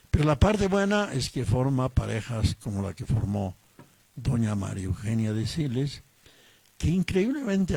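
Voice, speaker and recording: A man's voice: medium pitch, creaky, warm tone, slightly rough, dry recording. A man historian speaking at a book launch, conversational and full of tag questions. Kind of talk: formal speech at a book launch.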